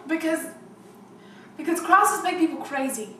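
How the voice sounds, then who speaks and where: A woman's voice: sits high, animated, measured pace, slight background noise, full character voice. A woman playing a strict, guarded mother who scolds her young daughter firmly, in an amateur short film. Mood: stern. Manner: firm, scolding, later hushed and grave. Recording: echoey room, distant mic, music behind.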